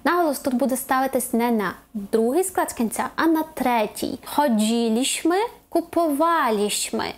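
Woman teaching a language lesson, high voice. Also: lively intonation. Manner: clear, explanatory, slows to spell out example words. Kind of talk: video lesson explaining stress rules.

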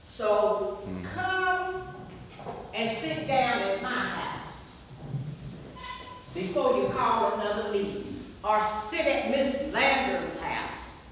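Her pitch fairly high and her tone fairly bright, a middle-aged West Virginia woman delivers emphatic, repetitive public comment at a hearing, full of passion. She's recorded from far off by a camera across a community center meeting room, which leaves echo and a faint hiss or hum.

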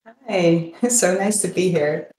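A middle-aged Dutch woman answers interview questions as a podcast guest, speaking slowly in a lowish, mellow voice. She chats conversationally and often repeats words as she goes. The recording is roomy and echoing.

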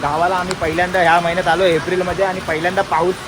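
A man vlogging outdoors in a village in the rain, talking chattily and excitedly to his viewers and calling out to family members. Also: high voice, rapid-fire, a crowd in the background, low-quality recording. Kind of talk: casual vlog narration to viewers. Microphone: handheld phone. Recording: loud rain noise outdoors.

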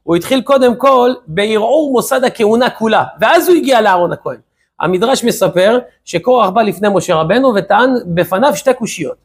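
Husky high-voiced rabbi teaching. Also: male voice. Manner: lively storyteller asking rhetorical questions. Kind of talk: weekly Torah lesson.

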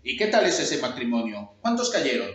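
A man's voice: mid-range voice, big pitch swings, moderate pace, a bit bright. A man voicing a crowd of gossiping, mocking townsfolk while reading a tale aloud, in a chattering, teasing manner, recorded far off in a very echoey room.

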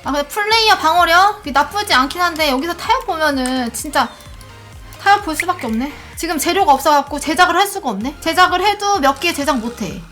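A woman streaming a game, giving live gameplay commentary in an excitable way, pleading and groaning at each roll. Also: high voice, fairly quick, soft background music.

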